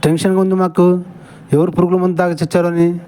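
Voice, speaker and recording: A man's voice: sits high, level tone, quick pace, warm tone. Sarcastic man heckling a clip. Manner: sarcastic, impatient questioning. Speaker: commentator reacting to a clip. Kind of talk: mocking casual commentary.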